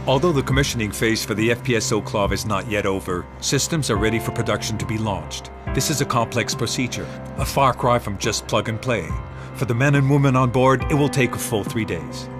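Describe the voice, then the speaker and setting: A man's voice: mid-range voice, a little fast, few pauses. A man reading scripted documentary narration as the narrator. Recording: loud music under the voice.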